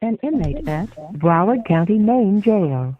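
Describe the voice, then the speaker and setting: A woman's voice: mid-range voice, very animated, measured pace. A woman's recorded voice announcing instructions on a jail payphone collect call. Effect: jail payphone line. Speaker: automated call prompt. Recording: tinny phone line, crowd noise behind.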